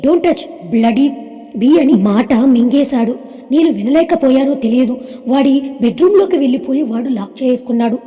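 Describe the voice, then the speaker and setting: A woman with a high, mellow voice narrates an audio story in the first person. Her delivery is measured and emotional, and a long hall reverb trails every line. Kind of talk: scripted narration of an audio drama.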